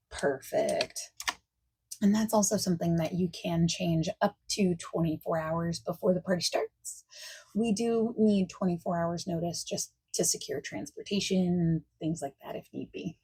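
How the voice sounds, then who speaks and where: Playing an accommodating, friendly party planner for ASMR, a woman uses a lowish, exaggerated voice with vocal fry and a breathy edge, softspoken and at times nearly whispering. She's casual, chatty and reassuring, leaving pauses for unheard responses. The low-quality recording carries faint noise plus keyboard typing and clicking.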